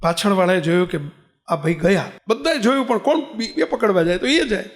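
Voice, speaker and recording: A man's voice: high-pitched, moderate pace. A man giving a storytelling sermon as a spiritual leader, acting out cries and prayers and speaking straight to his listeners. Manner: animated storyteller, acts out cries and prayers, addresses listeners directly.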